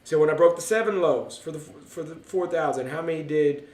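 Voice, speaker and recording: A man's voice: fairly high pitch, fairly quick, darkish tone. A man leading a casual Bible study, joking and chatting as he reads scripture aloud. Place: church room. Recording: echoey room from a distance.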